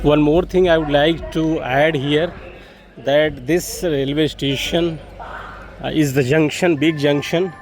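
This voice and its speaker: This Indian-accented travel vlogger has a fairly high yet darkish voice, speaking slowly with fairly even intonation. Walking through a public railway station, he comments informally, repeating himself and hesitating, while crowds and vehicles make noise around him.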